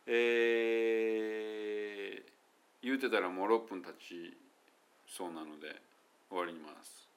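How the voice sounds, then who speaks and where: A man with a Kansai Japanese accent giving a casual, chatty English pronunciation lesson, slowly sounding out English words to demonstrate them. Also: lowish voice, fairly even intonation. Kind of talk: casual solo lesson talk.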